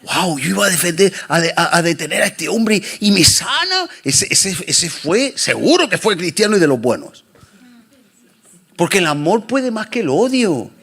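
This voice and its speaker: A man preaching a sermon as pastor, swinging between loud and soft passages. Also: sits high, very animated, normal speed, slightly rough.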